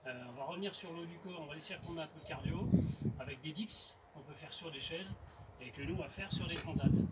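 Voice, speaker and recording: A man's voice: fairly high pitch, quick pace. A middle-aged man giving informal workout instruction as a fitness coach, explaining exercises and counting repetitions. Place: outdoor garden terrace. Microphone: distant camera. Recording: outdoors from far off, noisy.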